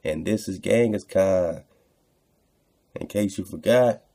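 A man with a low, gravelly yet mellow voice hosts online radio at a slow pace. He reads texts aloud and comments casually, repeating phrases for emphasis and speaking to listeners in slang.

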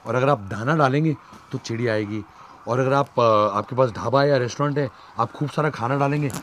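A man's voice: medium pitch, fairly quick, a bit bright, a little hiss or hum. A middle-aged man co-hosting a travel show outdoors, teasing and joking, speaking on a lapel mic. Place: outdoors at a desert bird site.

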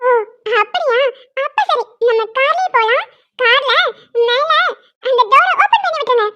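Woman doing a squeaky bubbly little girl. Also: animated, moderate pace, pushed and bright, dull audio, exaggerated voice. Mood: eager. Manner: whiny, pleading, bubbly. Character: small cheerful stubborn little girl. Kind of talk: cartoon voice acting.

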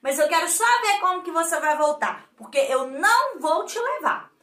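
A woman's voice: very high voice, expressive, normal speed, a bit bright. A woman with a Brazilian accent voicing a grumpy, boastful male vulture musician in a children's story, in a mock-stern, scolding tone. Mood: gruff. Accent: Brazilian Portuguese. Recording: echoey room.

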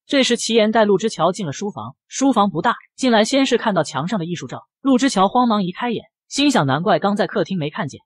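A man narrating a romance comic story in a quick, lively storytelling manner. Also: high-pitched, slightly rough, no room sound, clean studio sound.

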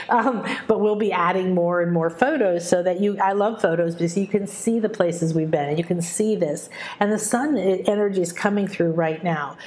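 Woman doing spiritual meditation talk, kinda low voice, gentle and guiding. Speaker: spiritual retreat host and meditation guide.

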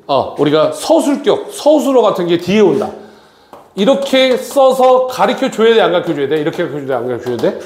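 Middle-aged male teacher, bright lively delivery swooping up and down, chatty with students, roomy classroom sound. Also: high-pitched. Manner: animated, addresses students as kids, frequent tag questions. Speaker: academy English teacher. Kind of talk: classroom grammar lecture. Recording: echoey classroom.

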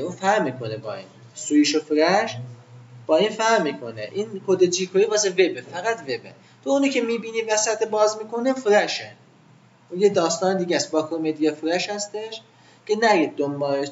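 A man's voice: high-pitched, dull audio, slight background noise. A man teaching web design to a live class in an informal way, asking the students questions and then answering them himself.

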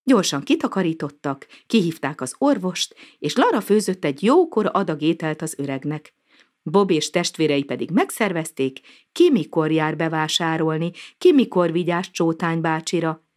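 A woman narrating a children's storybook aloud in an expressive, sing-song manner. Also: deep voice.

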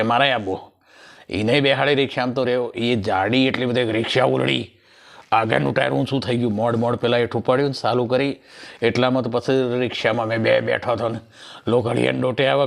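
A man's voice: mid-range voice, gravelly. Rustic man telling jokes. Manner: rustic storyteller, acts out each joke character. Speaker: comedian. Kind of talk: stand-up joke telling.

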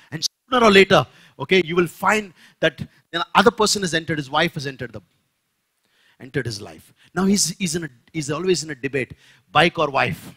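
A man with an Indian English accent preaches in church with an emphatic, swooping delivery. His voice sits high and bright, with a slightly husky edge, and now and then it climbs almost to a shout. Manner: emphatic, rising to shouts on key phrases. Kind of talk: sermon.

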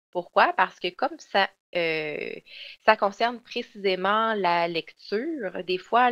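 A woman, presenting software in a webinar and explaining step by step with frequent fillers and restarts. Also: mid-range voice. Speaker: software trainer. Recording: dull lo-fi online webinar audio.

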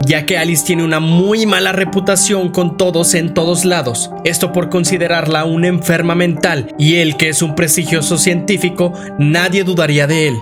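Guy a bit hoarse telling a game's story, kinda high voice, talks right to the viewers, some soft music behind. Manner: slangy, outspoken, addresses viewers directly. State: slightly hoarse throat. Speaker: YouTube game lore narrator. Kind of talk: casual narrated game story summary.

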